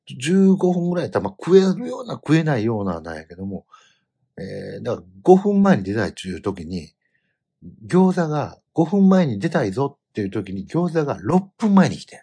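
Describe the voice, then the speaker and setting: Telling a family travel story in easygoing conversation, the middle-aged Kansai-accented man is animated and often bursts out loudly. His pitch is medium, with a breathy edge.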